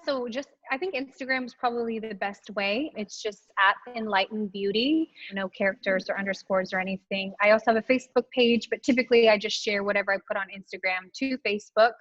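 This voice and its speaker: A woman's voice: medium pitch, fairly even intonation, fairly quick, hardly any pauses, a bit bright, dull audio. A woman esthetician and clinic owner, a podcast guest, talking in a friendly, chatty way with fillers. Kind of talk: casual interview chat.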